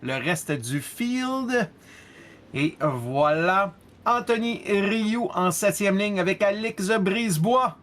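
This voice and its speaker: High-voiced Québécois race commentator. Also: male voice, lively intonation, a bit bright. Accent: Québécois French. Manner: reads lineups slowly, mixes in English words. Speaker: color commentator.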